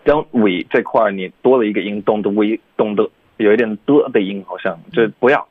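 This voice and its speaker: A male pronunciation teacher on a radio show, correcting students slowly and patiently, drilling single sounds. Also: on the low side, no echo. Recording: tinny phone-line voice.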